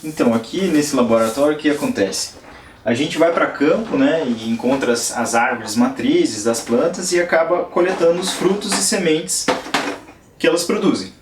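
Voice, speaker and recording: With a slightly high voice at a moderate pace, a Brazilian nursery worker for a conservation NGO explains his work to an on-site interviewer, his Brazilian Portuguese accent clear and his speech full of fillers and restarts. Background noise comes through from the plant nursery and lab on the rural property.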